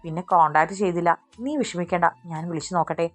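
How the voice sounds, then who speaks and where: A woman's voice: on the low side, steady tone, fast talker, faint music behind, close to an everyday voice. Anxious, loyal young man voiced by a woman narrator; earnest and urgent, storybook reading.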